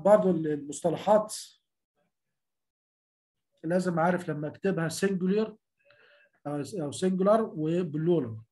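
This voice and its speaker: High-voiced Egyptian man lecturing students. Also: warm tone. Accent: Egyptian Arabic. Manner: repetitive, addresses students as a group, drills pronunciation syllable by syllable. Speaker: university lecturer. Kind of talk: lecture on medical terminology.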